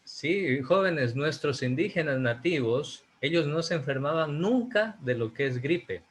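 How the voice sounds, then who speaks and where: A male teacher lectures his students over a video call. His voice sits a little high, and he speaks emphatically, asking rhetorical questions and then answering them himself. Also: animated, a little slow, slight background noise. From Ecuador. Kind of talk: online class lecture.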